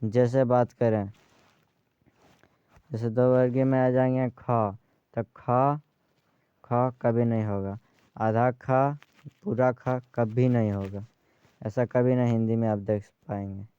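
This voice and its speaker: A man teaching a grammar lesson, speaking slowly and repeating key terms for his students. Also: mid-range voice, steady tone, warm tone, clean tone, dry recording, dull audio. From Bihar, India.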